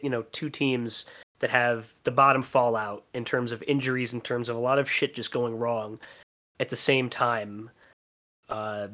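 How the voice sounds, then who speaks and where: A man's voice: mid-range voice, fairly bright tone. A man from Chicago co-hosting a sports podcast, talking animatedly and casually with frequent fillers and the odd swear word. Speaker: podcast co-host.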